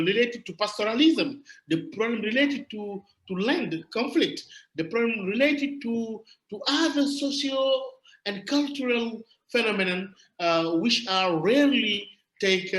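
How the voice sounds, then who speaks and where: A man with a French accent, speaking as a panelist on a video call, halting and searching for words in English. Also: sits high, pushed and bright, reverberant. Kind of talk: remote panel talk.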